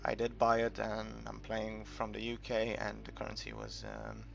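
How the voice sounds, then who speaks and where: Thinking aloud in a rambling, hesitant way, a British gamer walks through a game in a casual, unscripted tutorial. He has a fairly low, gravelly voice at normal speed, captured in a dull, muffled recording with background music.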